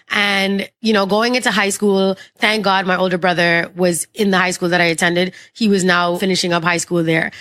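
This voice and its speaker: A woman's voice: fairly low pitch, fairly bright tone. A woman from Trinidad and Tobago in her thirties with a Trinidadian accent, chatting openly as an interview guest. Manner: chatty and open, lots of you-knows and likes. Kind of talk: casual interview conversation.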